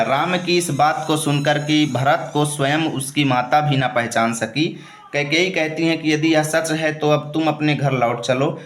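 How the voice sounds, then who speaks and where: Man teaching poetry in an echoey room. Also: medium pitch. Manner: repeats and paraphrases, ending phrases with a checking "okay". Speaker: Hindi teacher. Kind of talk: explaining a poem line by line.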